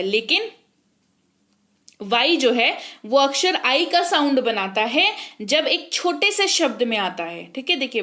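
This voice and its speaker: A woman's voice: sits high, pushed and bright. A woman teaching English spelling, patiently spelling words letter by letter and checking in often. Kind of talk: spoken English lesson.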